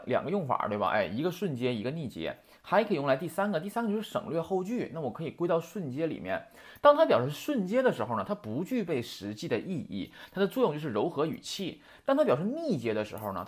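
A language teacher explains example sentences and keeps checking with "right?". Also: medium pitch. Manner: constantly asks "right?" to check understanding; quotes example sentences, then explains them. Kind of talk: classroom lesson explanation.

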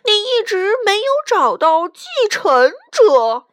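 A solemn old ghost, put on by a woman reading a storybook, speaks in a slow, booming, commanding way. The delivery swoops widely in pitch and stays high. It is recorded close and dry. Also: sing-song, fairly bright tone, no echo, full character voice. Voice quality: deep. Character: old ghost uncle, grand legendary storyteller.

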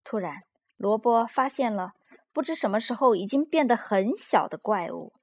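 A woman narrating a children's story aloud with lively, expressive delivery. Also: a little high, normal speed.

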